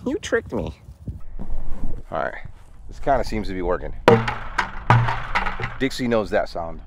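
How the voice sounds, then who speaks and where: The vlogger, a US man in his thirties, has a deep, gravelly voice with big pitch swings and speaks unhurriedly. He chats casually while tending farm paddock animals, camera held at arm's length, amid heavy background noise.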